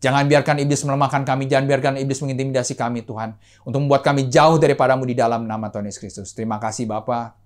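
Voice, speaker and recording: A male pastor delivering a sermon in a mid-pitched voice. He presses his points with lively emphasis, often addressing the congregation directly, and then moves into a softer, steady prayer. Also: rapid-fire. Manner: animated preaching, often adding "saudaraku" and "gitu".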